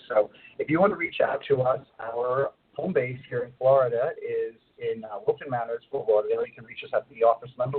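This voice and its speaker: Middle-aged man on a muffled tube-like phone line. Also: medium pitch. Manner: rambling, unhurried explaining with many fillers. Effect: muffled distant phone line, as if talking through a long tube. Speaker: radio co-host and astrologer. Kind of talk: phone-in radio talk.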